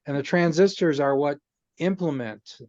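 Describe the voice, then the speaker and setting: This guest is also a man on a video call mic, patiently talking through chip technology in a relaxed conversation, stumbling with "um"s and restarting sentences. His voice runs on the high side with a darkish tone at a normal pace. There's no echo, but the sound is muffled.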